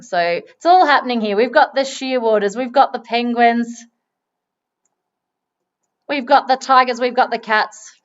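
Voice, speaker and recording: A woman giving chatty live commentary on a wildlife stream, now and then breaking into excited exclamations. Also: a little high, lo-fi sound.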